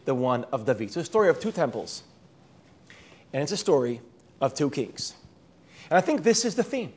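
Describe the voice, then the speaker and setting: Husky-voiced Israeli man teaching Bible. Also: a little high, darkish tone. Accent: Israeli, sounding American. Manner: thinks aloud, restarts words, mixes in Hebrew terms. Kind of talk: lecture.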